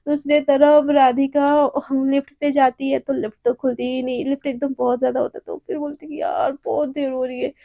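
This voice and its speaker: Brief: young female storyteller, chatty and rambling, high pitch, mellow tone. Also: no echo. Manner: chatty, rambling, repeats words. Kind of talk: casual oral storytelling.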